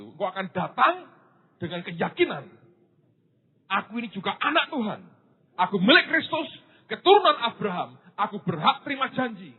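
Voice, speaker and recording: Man, pastor, sermon, animated storytelling, loud bursts and hushed asides, thin phone-like sound. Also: mid-range voice. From Indonesia. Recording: lo-fi phone-like recording with faint hiss.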